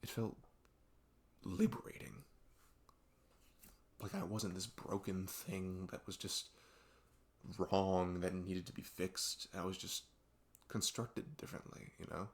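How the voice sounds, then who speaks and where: Here a young man acts as a best friend opening up late at night, an earnest character in an unscripted-sounding ASMR deep talk. His speech is rambling, halting and reflective, full of "like" and "you know", his mood earnest and musing, and his intonation fairly even.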